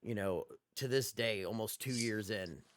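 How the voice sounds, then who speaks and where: A man's voice: on the low side, a little slow. A man co-hosting a casual podcast, telling stories enthusiastically. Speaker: podcast co-host.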